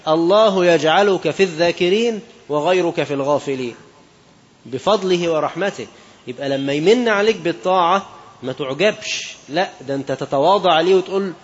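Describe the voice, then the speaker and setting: Fast-talking Egyptian preacher, muffled sound. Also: male voice, fairly high pitch, slight background noise. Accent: Egyptian Arabic. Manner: mixes classical quotes with colloquial asides, asks listeners questions. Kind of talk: Islamic lesson sermon.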